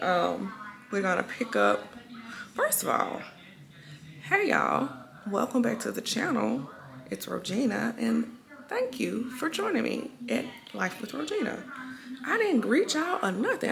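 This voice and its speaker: A woman's voice: medium pitch, gravelly. A woman hosting her home cleaning vlog, chatting casually to viewers and planning her tasks aloud with a groggy morning voice. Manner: chatty, talks straight to viewers, plans aloud. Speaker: lifestyle vlogger host. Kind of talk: casual chat to camera. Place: home kitchen.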